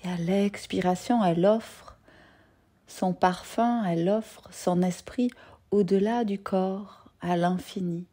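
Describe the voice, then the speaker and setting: Long pauses mark this guided meditation led by a woman yoga nidra teacher. Her mid-range voice is soft-spoken, gentle and soothing.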